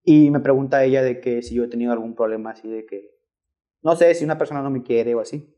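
A young man telling a story on a podcast, slangy and animated, dropping "güey" constantly. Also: mid-range voice, quick pace. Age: young adult. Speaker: rideshare driver guest.

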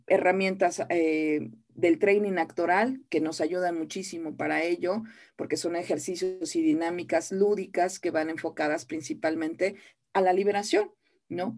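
A Mexican woman who teaches voice acting appears as an interview guest, speaking with a Mexican Spanish accent in a low, darkish voice. She's earnest and encouraging, repeating phrases for emphasis.

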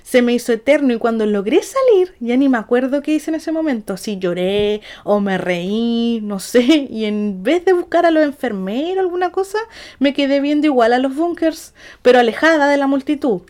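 A young Chilean woman with a Chilean accent, telling a story casually in an animated, slangy way. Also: high-pitched, moderate pace. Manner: animated and slangy, acts out quotes.

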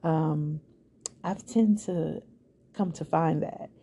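A woman's voice: deep voice, slow pace, dark tone, breathy edge. A young woman hosting a solo podcast, talking candidly and reflectively in a conversational way with plenty of fillers. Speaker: podcast host.

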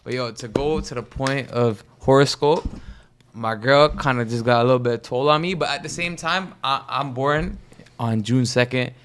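A man's voice: mid-range voice, normal speed, a bit bright, slight background noise. A man, chatting casually as a podcast guest and repeating phrases for emphasis. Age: 20s. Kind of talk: casual slangy group chat.

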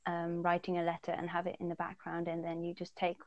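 A woman's voice: lowish voice, completely flat delivery, quick pace, no echo, lo-fi sound. A woman from the Netherlands chats casually as a podcast co-host. She laughs often and thinks aloud, with plenty of ums along the way. Her voice sits close and dry, with no room sound around it. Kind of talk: casual chat.

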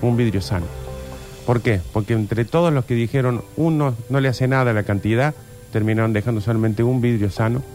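A man with an Argentine accent on a radio comedy panel, telling a parable in a halting way with frequent restarts. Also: medium pitch, a little mellow, faint music behind. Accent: Argentine Spanish. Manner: halting storyteller, restarts often.

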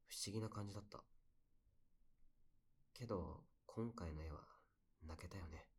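A man with a low, husky voice plays a wistful young man recounting memories. It's an intimate, soft-spoken monologue from a bedside audio drama.

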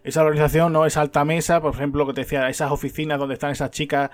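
A man co-hosting a casual film discussion, talking quickly and animatedly and often tagging his sentences with a question. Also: a little high, no echo. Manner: quick, animated, keeps asking "¿no?". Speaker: podcast co-host.

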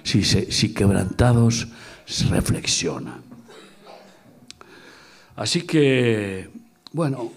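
A middle-aged man preaching a sermon in a gravelly, husky voice. His pitch leaps and falls with lively swings. He pushes some phrases out at full force and drops others to a near-whisper, repeating words to drive them home. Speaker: pastor. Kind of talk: sermon at a women's retreat. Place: church hall before a congregation.

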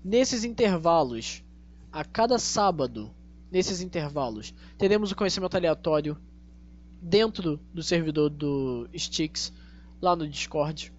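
A Brazilian man hosting a casual monologue to his listeners, speaking with a tongue-tied, slushy s and deliberate, repetitive phrasing. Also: on the high side, expressive. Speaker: podcast host. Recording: dull lo-fi audio, faint hum.

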